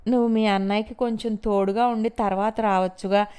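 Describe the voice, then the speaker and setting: A woman reading as a gentle older mother-in-law. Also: medium pitch, fairly even intonation, a little fast, smooth, close to an everyday voice. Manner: soft, coaxing.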